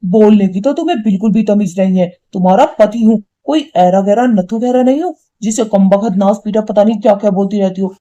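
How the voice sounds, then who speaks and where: A woman's voice: mid-range voice, a little fast, few pauses, dark tone, dull audio, close to an everyday voice. A woman voicing a hot-tempered young husband and son in a cartoon, scolding and indignant. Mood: angry. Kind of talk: cartoon voice acting.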